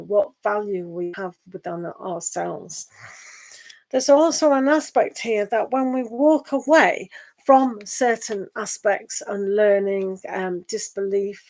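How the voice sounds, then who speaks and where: Giving a live online tarot reading, a woman with a mid-range voice is losing it as she goes. She speaks gently and meanders, reading the card texts out loud.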